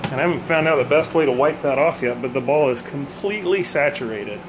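Speaking briskly at medium pitch, a man in his thirties runs through a casual demo of his homemade gadget, peppering his thoughts with ums and uhs. He makes bowling hobby vlogs and films in his home kitchen with a phone at arm's length, and background noise can be heard.

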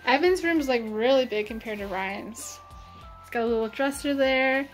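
Holding her phone camera at arm's length, a Canadian vlogger in her 30s chats her way through her home at a normal speed. Her voice runs kind of high, she's easygoing and full of "like"s, and faint music sits in the background.

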